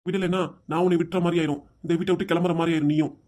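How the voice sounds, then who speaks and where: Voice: mid-range voice, fairly even intonation, rapid-fire, lightly acted. A performer voicing a strict, hot-tempered middle-aged father with a southern Tamil accent, who scolds his wife and weeps. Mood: scolding. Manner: scolding, shouting, then weeping.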